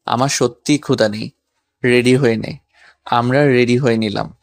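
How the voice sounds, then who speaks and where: Flat, dry-voiced male story narrator. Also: mid-range voice, moderate pace, no echo. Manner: plain, even storytelling with casual banter. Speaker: narrator and lead voice actor. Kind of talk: first-person romantic audio story narration.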